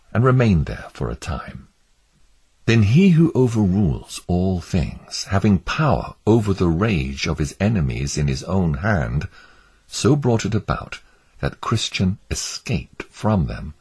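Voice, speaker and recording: A man narrating an allegorical story in a measured, dramatic storytelling manner. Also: low-pitched, a little mellow, breathy edge.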